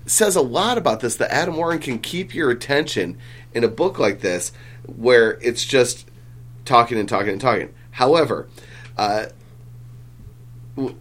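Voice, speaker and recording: A man's voice: medium pitch, lively intonation, normal speed, a bit bright. A man hosting a casual podcast chat, rambling with lots of fillers and the odd swear. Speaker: comic book podcast host.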